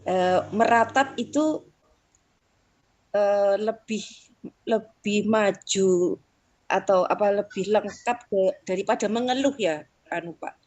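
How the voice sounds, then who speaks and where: A woman participant asks a question hesitantly, pausing and searching for her words. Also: medium pitch, a little mellow, highs cut off.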